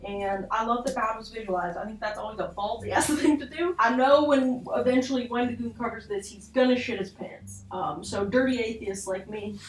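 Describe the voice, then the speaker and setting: A young adult woman hosts a video essay with casual, informal, sweary commentary on horror, dropping self-deprecating asides. Her voice is fairly high with fairly even intonation, and she talks briskly with few pauses. The recording is roomy and echoey from a distant mic, with music underneath and slight background noise.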